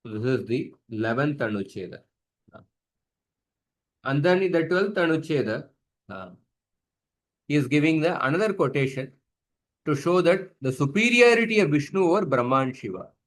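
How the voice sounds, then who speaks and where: A man teaching a scripture class, chanting Sanskrit verses slowly for students to repeat and patiently explaining pronunciation. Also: fairly high pitch, expressive. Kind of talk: online scripture class with call-and-response chanting.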